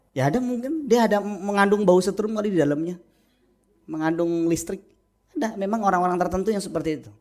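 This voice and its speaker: A middle-aged man, a pastor, preaching a humorous sermon in a church, telling stories with lively acted-out quotes. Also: sits high. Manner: animated storytelling with acted-out quotes. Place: church sanctuary.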